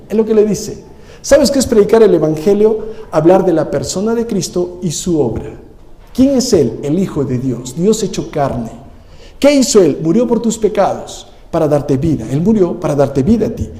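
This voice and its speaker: High-voiced preacher in a reverberant church. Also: male voice. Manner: animated preaching, rhetorical questions to the congregation. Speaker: pastor. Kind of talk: sermon. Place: church service.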